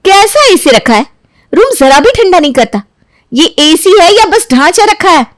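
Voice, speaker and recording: A woman voicing a spoiled, rude young bride who complains sarcastically in an animated family drama. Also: very high-pitched, unhurried, no room sound, voice pushed up, full character voice. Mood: sarcastic.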